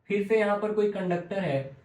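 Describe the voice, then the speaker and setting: A high-voiced male teacher walks through a physics lesson. He repeats each question and then gives the answer himself. He sounds a bit distant from the mic, in a room with a lot of echo. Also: moderate pace, a little mellow. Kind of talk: classroom lecture.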